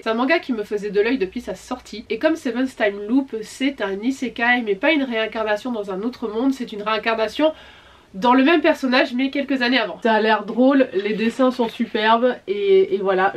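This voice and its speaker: Chatty French-speaking woman, high-pitched. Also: recorded from a distance. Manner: chatty, enthusiastic, apologetic asides. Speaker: manga vlogger. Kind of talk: casual unboxing vlog.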